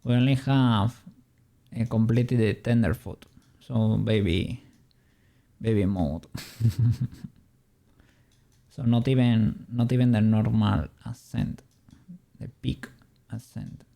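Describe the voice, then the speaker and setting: A 3D modeling streamer chatting casually on a livestream and muttering quietly to themself while working. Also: medium pitch, slow pace, vocal fry.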